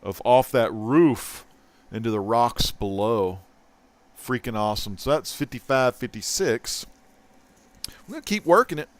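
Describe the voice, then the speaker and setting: A man hosting a casual comic book haul vlog, chatty and excitable, swinging from loud bursts to mumbled asides. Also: medium pitch, measured pace. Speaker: host.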